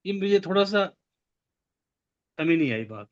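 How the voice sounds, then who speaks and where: A man with a fairly high voice politely poses a halting question to his teacher over a video call. The sound is muffled and dull, like online call audio. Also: animated. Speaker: class participant asking a question.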